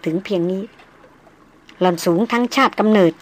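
A woman narrating a novel in a calm, even storytelling manner. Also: medium pitch, moderate pace. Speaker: audiobook narrator.

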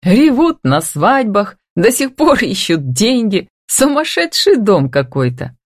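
A confident, wealthy businessman talks in a lazy, playful drawl, teasing and giving orders, as a woman reading an audiobook voices him. Her voice sits low, and the recording is dry and close with no room sound. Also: sing-song, unhurried, no room sound.

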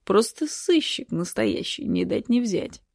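A woman's voice: a little high, unhurried, breathy edge, no echo, clean studio sound, heavily acted. A woman reading the part of a cold, mocking middle-aged male doctor in an audiobook. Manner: calm, mocking.

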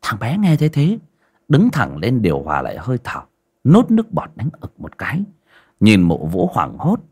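A man narrating a ghost story in an expressive storytelling way. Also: on the low side, moderate pace, slightly rough. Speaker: audiobook narrator.

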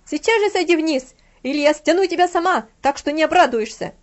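A woman voicing a furious middle-aged housekeeper who shouts and scolds a boy in a storybook reading. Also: sits high, big pitch swings, a little fast, muffled recording, voice pushed up. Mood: angry shouting.

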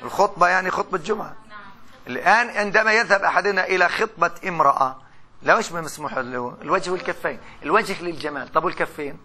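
A man's voice: high-pitched, quick pace, sharp tone. A middle-aged man with a Palestinian Arabic accent giving a university lecture, chatty, putting questions to his students and answering them himself. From Gaza, Palestine.

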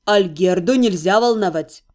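A woman reading an audiobook voices a formal, stern male healer who speaks softly and calmly. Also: medium pitch, pitched below the performer's own voice, close to an everyday voice. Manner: soft, measured, formal.

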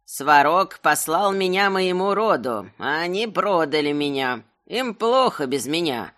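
A narrator voicing a cantankerous ancient talking spear with a shrill old woman's voice, grumpy and indignant. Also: sing-song, a little slow, pushed and bright. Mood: pleading. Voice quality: shrill, screeching. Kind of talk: audiobook character voice.

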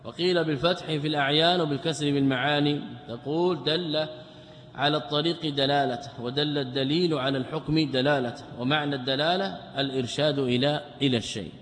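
A man's voice: a little high, steady tone, fast talker, a bit bright, in a large hall, slight background noise. A man teaching Islamic jurisprudence, quoting scholars, repeating key phrases and asking his students questions he then answers. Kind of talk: lecture explaining a text.

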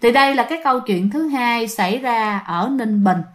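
A woman's voice: on the high side, normal speed. A woman, telling ghost stories in a chatty way and speaking straight to her listeners. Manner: chatty, addresses listeners directly, many fillers. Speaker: storyteller. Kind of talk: casual ghost-story telling.

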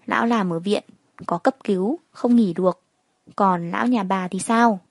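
A woman's voice: mid-range voice, normal speed, dry recording, natural voice. A woman doing a brash, chatty friend. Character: blunt, chatty young wife friend.

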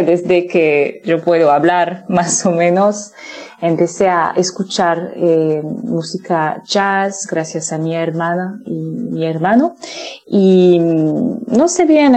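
A woman in her thirties from France with a French accent, a singer interviewed by phone, pausing often to search for words. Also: lowish voice, mellow. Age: 30s. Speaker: guest singer.

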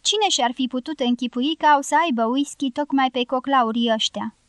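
A woman reading a calm, good-humoured man. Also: high voice, no echo, natural voice.

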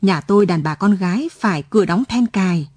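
A woman voicing a stern old village widow who scolds quietly but cuttingly. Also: mid-range voice, a little fast, no echo, close to an everyday voice. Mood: cold scolding.

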